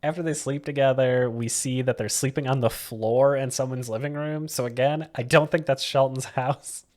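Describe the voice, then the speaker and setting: A man's voice: mid-range voice, fairly even intonation, moderate pace, a little mellow. A man co-hosting a casual movie-review podcast, who laughs often as he talks. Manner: giggly, laughs often mid-sentence. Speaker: podcast co-host.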